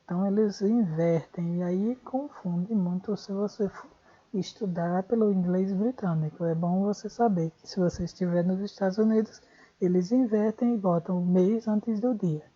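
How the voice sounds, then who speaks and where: Speaking at a normal speed, a Brazilian Portuguese-accented woman with a medium-pitched, dark, slightly rough voice runs an online English lesson. She reasons out loud and self-corrects as she goes, on a dull lo-fi recording.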